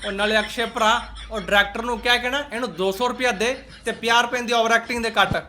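A man's voice: very high-pitched, fairly even intonation, fast, background noise. A man with a Punjabi accent giving mocking, sarcastic reaction commentary in colloquial speech. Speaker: host of a roast reaction channel.

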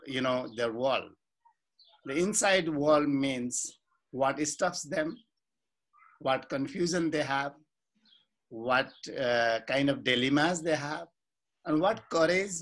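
Slow-talking Nepali man, halting. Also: medium pitch, a bit bright. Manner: slow and searching, many fillers and restarts. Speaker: life coach and social activist. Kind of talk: self-introduction to camera. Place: small indoor room with plain wall.

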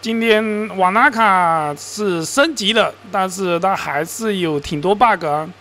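Taking things slowly, this gaming and crypto-mining video host speaks in a high, bright, forceful voice over his screen-recorded gameplay. He rambles casually, keeps correcting himself, and comes across as mildly exasperated.

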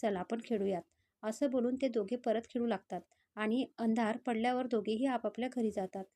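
Mellow woman storyteller. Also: a little high, steady tone, a little fast. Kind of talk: scripted story narration.

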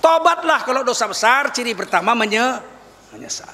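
A male preacher giving an animated sermon to an audience, acting out weeping prayers and joking with listeners. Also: very high voice, brisk, slight background noise. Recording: long reverb of a hall.

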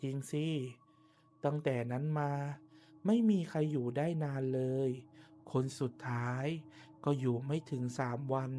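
A man voicing a grave older woman, a neighbour giving a warning in a slow ghost-story delivery. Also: medium pitch, steady tone, dark tone, close to an everyday voice. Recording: noticeable background noise and ambience.

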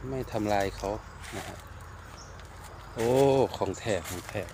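In an outdoor rural garden, a man who grows plants there wanders casually through it, explaining plant care step by step and repeating his words often. His voice is fairly low and unhurried, with a noisy background.

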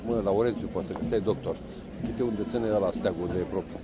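A man joking and teasing while filming outdoors on a phone, loud church bells ringing behind him. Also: low-pitched, very noisy. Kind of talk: casual chat while filming. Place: outdoors on a city street. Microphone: handheld phone.

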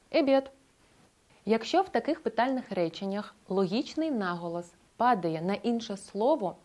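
Woman, scripted lesson narrator with a medium-pitched voice, clear explanatory delivery. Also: warm tone. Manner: clear, explanatory, slows down to model example phrases. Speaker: language teacher.

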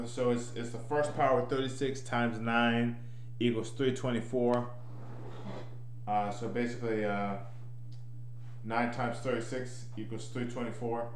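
A middle-aged man explaining his code in an informal tutorial, thinking aloud, haltingly repeating and restarting his phrases over and over. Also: medium pitch. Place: small indoor room at home. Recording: echoey room, clear background noise.

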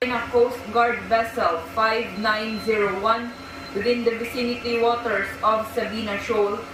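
Woman, coast guard radio operator, marine radio transmission, formal clipped hail, far off, boomy echo, static hiss. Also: little pitch movement, normal speed. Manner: clipped, procedural call-sign delivery.

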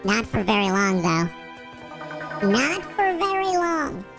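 A man commentating a game he is playing, his voice pitched high into a sped-up chipmunk voice as he muses aloud. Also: big pitch swings, slow, creaky, music in the background, full character voice. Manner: musing aloud while playing. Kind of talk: let's play commentary.

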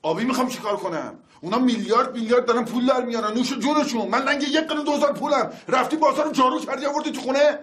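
An actor playing a broke, touchy brother-in-law in a sitcom, sarcastic and complaining. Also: male voice, very high-pitched, hardly any pauses, fairly bright tone. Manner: hesitant, then sarcastic and complaining. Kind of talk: sitcom acting.

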